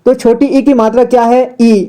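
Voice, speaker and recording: A man's voice: very high voice, flat delivery, moderate pace, mellow. A man teaching a step-by-step reading lesson, patient, repeating words and asking the viewer questions.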